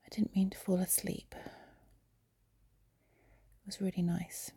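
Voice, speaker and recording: Recording a whispered audio diary, this amateur creator lies on her side in bed with her phone close by. She speaks in a soft, breathy, confiding whisper, unhurried, with gravelly edges and a flat, even pitch. The audio is dry and close.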